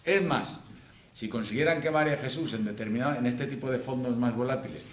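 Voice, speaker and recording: A middle-aged man gives a lively conference talk as a financial coach, voice pitched in the middle range. He keeps it chatty and acts out quoted lines. The sound is roomy and echoey with a faint hum of noise underneath. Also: fairly quick. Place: conference room.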